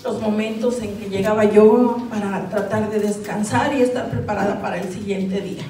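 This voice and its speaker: An older Mexican woman with a Mexican accent, telling her story as a bereaved mother in a slow, halting, sorrowful way. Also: medium pitch, fairly even intonation, dark tone, a little hiss or hum. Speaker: bereaved mother giving testimony. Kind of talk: personal testimony. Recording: echoey, distant mic with music underneath.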